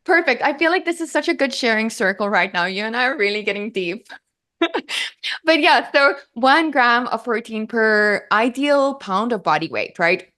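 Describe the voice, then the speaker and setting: A woman's voice: on the high side, expressive, moderate pace, pushed and bright. A woman guest in an interview, talking in a bubbly, earnest way with lots of fillers. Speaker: guest, health advocate. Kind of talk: casual interview.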